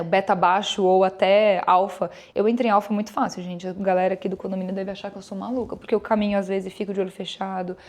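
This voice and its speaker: A Brazilian woman hosts her own podcast solo, talking casually and reflectively to listeners she calls "gente" and acting out snippets of inner dialogue. Her voice is mid-range with a darkish tone.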